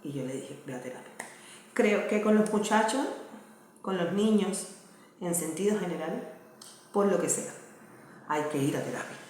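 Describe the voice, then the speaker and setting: A woman's voice: fairly low pitch, darkish tone. A Cuban woman in her thirties with a Cuban accent, talking earnestly and casually to camera as a vlogger and mother, often checking that the listener follows. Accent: Cuban Spanish. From Cuba. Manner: earnest, conversational, asks "¿me entiendes?". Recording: very echoey room, faint noise.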